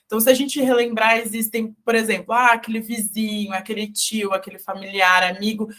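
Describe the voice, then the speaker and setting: A woman's voice: on the high side, level tone, brisk, a bit bright. A Brazilian woman, a speech therapist, explaining her field in a didactic radio interview, moving through terms one by one. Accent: Brazilian Portuguese. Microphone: studio radio microphone.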